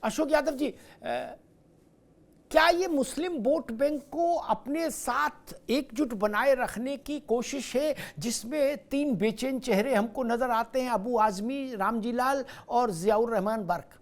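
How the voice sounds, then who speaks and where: High-voiced male news debate anchor. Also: unhurried. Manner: rhetorical, sarcastic questioning.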